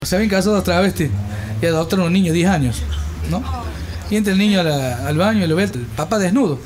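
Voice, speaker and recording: A man with a Cordoban Argentine accent rattles off stand-up jokes in a high voice and slips into the voices of his characters. His recording carries plenty of background noise. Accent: Cordoban Argentine Spanish. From Córdoba, Argentina. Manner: rapid-fire jokes with voiced characters and laughing. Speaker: stand-up comedian. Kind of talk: joke-telling stand-up.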